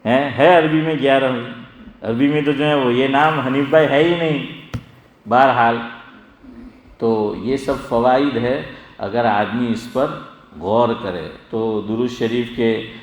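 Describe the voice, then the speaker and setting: A middle-aged religious scholar giving a sermon-style lesson, quizzing his listeners and calling on them by name as he slowly drills pronunciation. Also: medium pitch. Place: gathering hall, evening assembly. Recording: echoey hall with long reverb.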